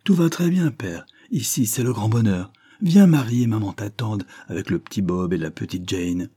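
A man voicing a tall, slim, cheerful young man in an audiobook, talking briskly and reassuringly. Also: on the low side, animated, warm tone, breathy edge. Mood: warm. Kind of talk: audiobook character reading.

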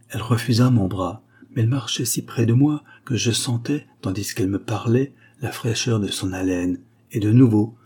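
Man, audiobook narrator, mellow dark voice, husky, measured, literary. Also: on the low side. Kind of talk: audiobook reading.

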